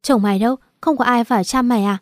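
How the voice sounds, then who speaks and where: A woman's voice: on the high side, fast talker, no echo, studio quality, close to an everyday voice. A woman voicing a blunt, protective young female friend who scolds and urges in an audiobook. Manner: frank, scolding, urging. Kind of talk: audiobook character voice.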